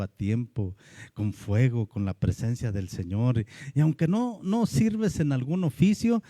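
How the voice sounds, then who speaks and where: A man with a Mexican Spanish accent, a pastor preaching a lively sermon and acting out the voices of churchgoers. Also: fairly low pitch, no echo.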